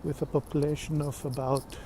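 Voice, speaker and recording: A vlogger, live-streaming a walk on city streets and narrating in an unhurried, hesitant way with fillers. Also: medium pitch, flat delivery. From Greece. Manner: unhurried, hesitant, pausing with fillers while walking. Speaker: vlogger giving a walking tour. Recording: loud outdoor street noise.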